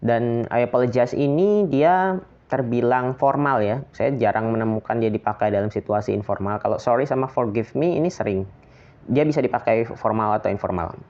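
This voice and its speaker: A man from Indonesia explaining English phrases in a relaxed, chatty lesson, with fillers and light laughs. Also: medium pitch, moderate pace, highs cut off. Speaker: English teacher.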